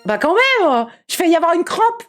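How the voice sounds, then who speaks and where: A woman streaming a game live, excitable, swearing, laughing and shouting at the screen. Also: extremely high pitch, a little fast, soft background music. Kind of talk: live gameplay commentary.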